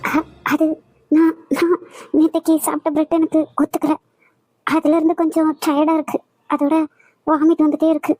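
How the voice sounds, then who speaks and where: A frightened young wife in an animated drama, voiced by a woman, soft and pleading as she dodges questions. Her voice sits high and sounds dry and close. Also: normal speed, no room sound, lightly acted. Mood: anxious. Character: young wife, fearful and secretive. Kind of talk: dramatic cartoon voice acting.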